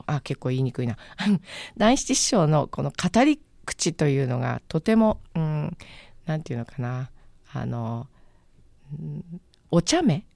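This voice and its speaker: A woman's voice: sits low, gravelly, warm tone, no room sound. Chatty woman radio host, dry studio. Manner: chatty, musing, searches for words aloud. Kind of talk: casual on-air book recommendation.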